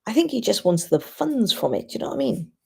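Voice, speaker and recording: A woman hosting a casual livestream, thinking aloud and giving opinions informally in a husky, gravelly voice. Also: medium pitch, very animated, a little fast, warm tone. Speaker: livestream host. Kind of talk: casual chat to live commenters.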